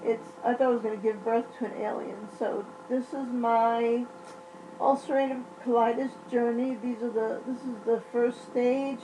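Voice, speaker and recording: A woman's voice: a little high, fairly even intonation, normal speed, dull audio, noisy background. A woman vlogging casually while in pain and on medication, blunt and profane, rambling and restarting often. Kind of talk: casual vlog monologue.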